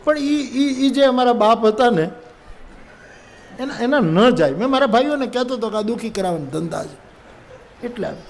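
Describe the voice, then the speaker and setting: A man telling a religious story to a live audience, animated and jokey, acting out the dialogue. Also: extremely high pitch, normal speed, long pauses, a little hiss or hum. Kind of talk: humorous live katha storytelling.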